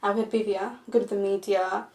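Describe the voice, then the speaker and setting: A young woman from Nepal chatting quickly and easily as a guest in an interview. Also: mid-range voice, level tone, a little mellow. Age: young adult. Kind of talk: casual interview chat. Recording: roomy echo.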